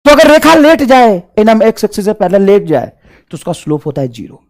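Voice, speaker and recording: Lively, repetitive male math teacher. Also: high-pitched, fairly quick. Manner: repetitive, drills points over and over; addresses students fondly as children. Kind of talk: classroom lesson.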